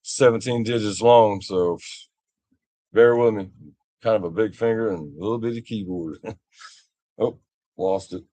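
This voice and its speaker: A man's voice: lowish voice, a little slow, pauses often, warm tone, no room sound. An older man, chatting casually on a livestream and telling rambling stories with chuckles. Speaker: vlogger.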